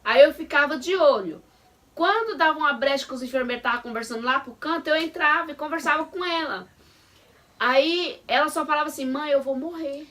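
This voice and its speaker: A woman's voice: high voice, fairly quick, a bit bright. A middle-aged woman, telling a story vividly and acting out the dialogue. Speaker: guest, vlogger's mother. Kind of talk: personal testimony chat.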